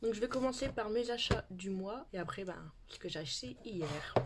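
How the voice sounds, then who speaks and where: A beauty YouTuber in her thirties chats casually in a home haul video, showing her purchases to the camera. Her medium-pitched voice is animated and a little fast, and the recording is very noisy.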